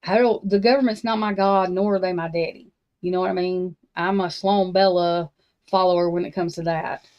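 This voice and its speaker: The audio, slightly dull and lo-fi, captures a true crime stream host with a lowish voice, fairly even intonation, and normal speed. She rants bluntly and swears freely, rambling with many restarts and slangy, Southern-tinged grammar.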